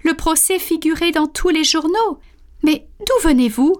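A woman's voice: very high-pitched, animated, a little slow, pitched above the performer's own voice. A woman voicing an elderly woman in a storybook reading, asking insistent, incredulous questions. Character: elderly woman, surprised, blunt.

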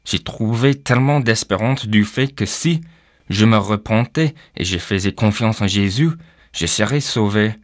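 Low-voiced hesitant man. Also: a little slow, no room sound, clean studio sound. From Canada. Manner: hesitant, frequent "euh" fillers. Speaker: pastor, guest. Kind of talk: personal testimony.

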